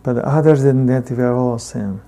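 Long pauses separate the halting, deliberate phrases of this Buddhist dharma talk, given by a teacher whose native language is Tibetan and whose accent is heavy. He has a dark, medium-pitched voice.

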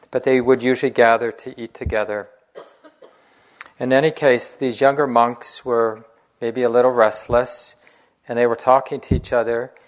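A man, a meditation teacher, giving a dharma talk in a relaxed, conversational storytelling way with light laughs. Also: medium pitch.

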